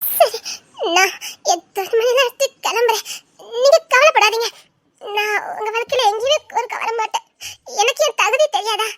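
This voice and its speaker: A woman plays a young wife in a drama, crying and ashamed, her very high voice breaking between sobs and strained little laughs. She speaks with a quiet, self-denying hurt. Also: a little fast. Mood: tearful. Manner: tearful, broken, half-laughing through sobs.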